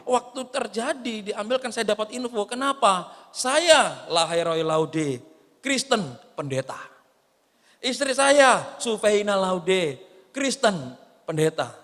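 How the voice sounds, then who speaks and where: A man preaching a sermon as a pastor, swinging from loud exclamations to soft, low asides. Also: expressive, slow. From Indonesia. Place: church hall. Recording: church hall reverb.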